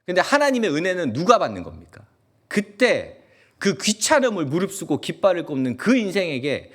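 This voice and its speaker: Animated Gyeongsang pastor preaching. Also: male voice, on the high side. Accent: Gyeongsang Korean. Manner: animated, asks the congregation many questions; acts out quoted voices in dialect. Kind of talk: lively sermon. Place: church sanctuary.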